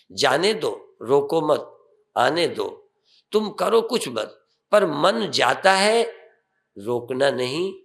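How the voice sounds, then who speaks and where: Slow gravelly older swami guiding meditation. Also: male voice, fairly high pitch. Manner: slow, calm instructions with rising emphatic phrases. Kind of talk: guided meditation sermon.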